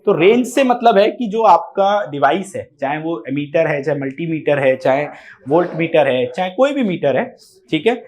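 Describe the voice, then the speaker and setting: Man, high-pitched voice, exam coaching lecture, slow read-out definitions, frequent "theek hai". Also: lively intonation, darkish tone, dull audio. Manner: explains step by step, often asks "theek hai" and "hai na"; switches between Hindi and English mid-sentence. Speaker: teacher.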